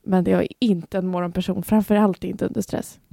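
A woman's voice: fairly low pitch, flat delivery, creaky, mellow, no room sound, clean studio sound. A young woman, co-hosting a podcast and telling stories about herself in a candid, self-mocking way. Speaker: podcast co-host. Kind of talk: casual chat.

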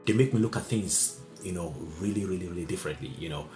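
A man's voice: sits low, fast talker, dark tone, soft background music. A young man from Nigeria, a PhD student in optics, speaking earnestly in an interview and repeating words for emphasis. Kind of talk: interview testimony.

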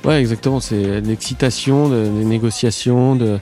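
A man's voice: medium pitch, steady tone, normal speed, warm tone, soft background music. A middle-aged man telling his business story in a casual interview, hesitant, with many fillers and restarts. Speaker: entrepreneur guest.

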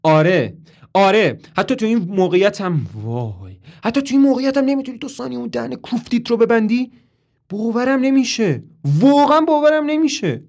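A man voicing a frantic, hot-tempered young man who shouts angrily and panics. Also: fairly high pitch, animated, voice pushed up, natural voice. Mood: furious.

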